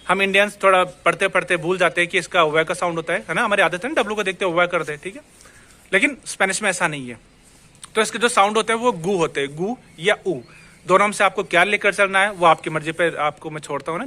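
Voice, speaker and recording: Bright, high-voiced Indian teacher. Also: male voice. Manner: chatty, repeats words and checks in with the viewer. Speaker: Spanish teacher. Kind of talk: casual language lesson.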